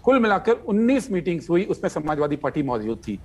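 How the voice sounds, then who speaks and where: A man's voice: fairly high pitch, very animated, quick pace. A man speaking as a party guest in a heated TV debate, insistent and argumentative, citing figures to make his point.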